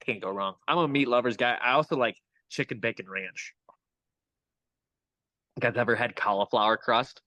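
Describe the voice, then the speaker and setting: A young man speaks as a guest hitting coach in a casual interview, keeping his tone upbeat and motivational. His voice is bright and forward, at an ordinary middle pitch. The sound is dry and close, as if over a video call. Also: normal speed, long pauses, dry recording, dull audio. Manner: upbeat, motivational, pep-talk phrasing.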